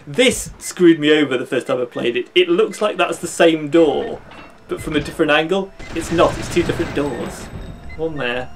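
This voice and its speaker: A man's voice: a little high, moderate pace, a little hiss or hum. A man in his thirties giving casual, jokey playthrough commentary, often talking to the game's characters. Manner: animated, jokey, talks to game characters. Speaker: gaming video host. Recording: game music behind voice.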